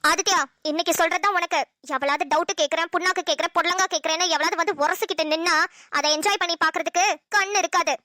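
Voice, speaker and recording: A fiery, scolding young wife. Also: female voice, extremely high pitch, steady tone, fast, no echo, studio quality. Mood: angry. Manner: scolding, sharp, threatening. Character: fiery young wife, a medical student with a sharp tongue. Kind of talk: cartoon voice acting.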